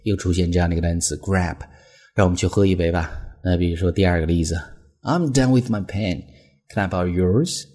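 A man teaching English phrases as a lesson, explaining patiently and reading example sentences slowly. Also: sits low, dark tone. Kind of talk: language lesson.

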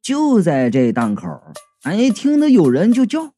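Male storyteller, animated and mellow, comic narration, faint music bed. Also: high voice, normal speed. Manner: lively, colloquial, voices the characters.

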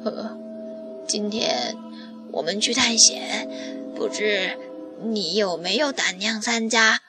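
A woman's voice: mid-range voice, takes it slowly, over music, natural voice. A woman voicing a bold, teasing village boy who dares his friend. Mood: boasting.

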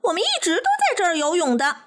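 A woman voicing an excitable little male goldfish in a children's storybook, with high squealing cries. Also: fast, heavy background noise, full character voice. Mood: brash. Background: music.

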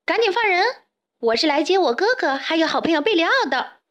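A woman's voice: very high voice, very animated, a little fast, muffled recording, pitched above the performer's own voice. A woman voicing a firm, brave little girl chick in a children's storybook, speaking sternly. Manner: stern, direct.

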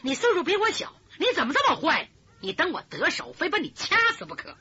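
A woman's voice: high-pitched, wildly swooping pitch, brisk, sharp tone, exaggerated voice. A woman storyteller voicing a shrewd, seasoned male wanderer who mutters blunt, indignant thoughts, in a dull lo-fi recording. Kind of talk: traditional storytelling.

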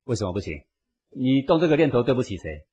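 Man, radio Buddhist lecturer, very husky, fast, emphatic. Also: mid-range voice, big pitch swings, mellow, dull audio. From Taiwan. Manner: emphatic, preachy, acts out quotes.

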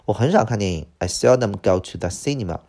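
A middle-aged man teaching English vocabulary, stumbling over filler words and slowly repeating each word he teaches. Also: lowish voice, lively intonation, warm tone. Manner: lots of "这个" filler, drawn-out slow repeats of words. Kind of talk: vocabulary lesson.

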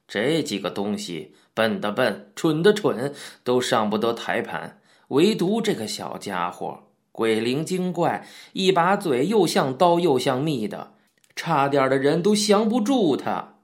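A man doing a gruff, teasing old-school coach. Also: mid-range voice, sing-song, measured pace. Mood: grumbling. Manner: brusque, scolding, boisterous joking. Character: gruff middle-aged male martial arts coach, blunt and teasing. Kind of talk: audiobook character voice.

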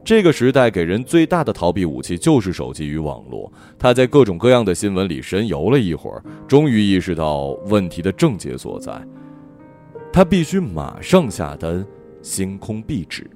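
A man narrating a story in an expressive, gentle storytelling manner. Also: deep voice, normal speed. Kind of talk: audiobook narration. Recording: faint background music.

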